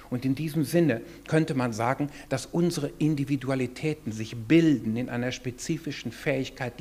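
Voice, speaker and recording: A middle-aged man giving a measured, reflective acceptance speech at a lectern in a hotel ballroom. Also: mid-range voice, a little mellow, husky. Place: hotel ballroom with seated audience.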